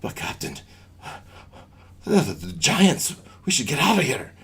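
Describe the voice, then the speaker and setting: A man's voice: fairly high pitch, very animated, measured pace, a bit bright, slightly rough, heavily acted. A man voicing a confused male carpenter just turned back from a pig, in a tabletop game. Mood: dazed. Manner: confused, bewildered. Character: dazed male carpenter, newly un-cursed.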